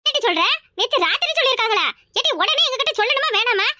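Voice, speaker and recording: A woman's voice: extremely high pitch, expressive, fast talker, sharp tone, a little hiss or hum, heavily acted. A woman voicing a bossy but generous older mother-in-law in a cartoon, scolding and giving orders. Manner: scolding, commanding. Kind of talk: cartoon voice acting.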